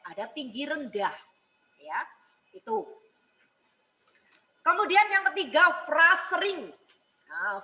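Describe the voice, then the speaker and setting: A woman's voice: a little high, sharp tone, poor audio. A woman teacher explaining singing technique step by step, repeating each point and checking in with a questioning "ya". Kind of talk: music lesson broadcast.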